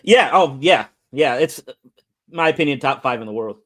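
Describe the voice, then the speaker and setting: A man's voice: mid-range voice, lively intonation, normal speed, fairly bright tone. A man with an American accent chatting casually as an interview guest, often repeating words as he thinks. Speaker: podcast guest, soccer fan.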